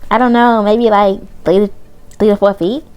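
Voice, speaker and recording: A woman's voice: mid-range voice, fairly even intonation, normal speed, darkish tone, smooth, soft background music, lightly acted, rough recording. A woman voicing a possessive teenage girl, the coach's daughter, insistent and defensive. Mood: recounting.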